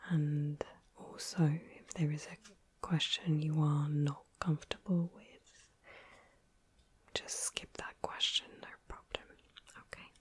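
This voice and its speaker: A woman whispering softly and gently through an ASMR interview roleplay. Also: sits low, little pitch movement, slightly rough. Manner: soft, slow, gentle whispering. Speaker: ASMR creator.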